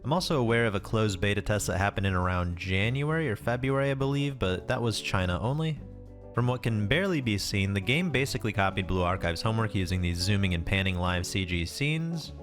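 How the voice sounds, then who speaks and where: A YouTube game preview host delivers scripted commentary in a lowish, lively voice at a brisk pace, with music playing behind him. He's informal and wry, throwing in some casual swearing.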